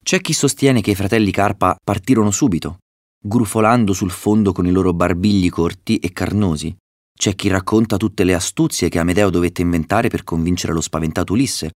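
A man narrating a fable in a measured storytelling manner. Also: lowish voice, a little mellow, no echo, clean studio sound. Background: faint music.

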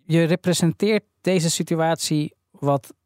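A man on a podcast who debates calmly and explains his view step by step. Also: fairly high pitch, dry recording, clean studio sound. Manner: measured, explanatory, with false starts.

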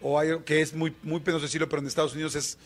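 A man's voice: a little high, level tone, very fast, fairly bright tone. Chatty Mexican radio host man. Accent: Mexican Spanish. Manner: chatty, vivid anecdote-telling with many fillers. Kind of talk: casual on-air storytelling.

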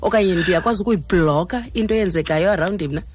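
A woman's voice: fairly low pitch, quick pace, a little mellow, soft background music. A South African woman hosting a radio interview, putting questions to her guests. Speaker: radio host.

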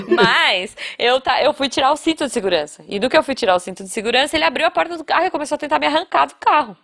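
A Brazilian woman co-hosting a podcast, with a voice sitting a little above the usual. She tells her story in an animated, chatty way and acts out the quotes as she goes. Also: high-pitched, fast talker, gravelly. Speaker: podcast co-host. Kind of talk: casual chat.

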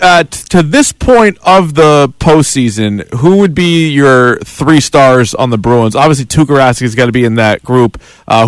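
A man's voice: medium pitch, clear, resonant tone, dry recording, rough recording. A man co-hosting a sports radio show, asking questions in a conversational, jokey way. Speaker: radio co-host.

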